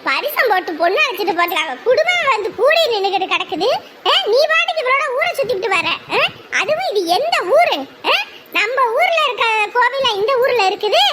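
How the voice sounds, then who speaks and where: A woman's voice: very high voice, heavy background noise. A fretful, fierce village mother. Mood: scolding. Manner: lamenting, scolding, rural Tamil speech. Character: anxious thrifty village mother, fierce when scolding.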